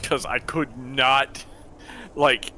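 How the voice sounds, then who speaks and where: A man chatting casually as he plays a game, with halting, restarted sentences. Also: medium pitch, fairly even intonation, pushed and bright. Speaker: gamer. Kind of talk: casual gaming chat. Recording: faint noise behind voice.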